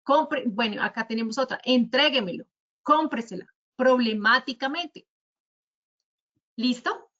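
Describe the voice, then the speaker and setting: A Colombian woman with a high voice teaches spelling rules in an online talk. She works through her examples one by one in a patient, didactic way. The audio sounds somewhat dull, like a web meeting. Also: a little slow, pauses often, a bit bright. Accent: Colombian Spanish. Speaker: speaker at a virtual talk on writing. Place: virtual conference.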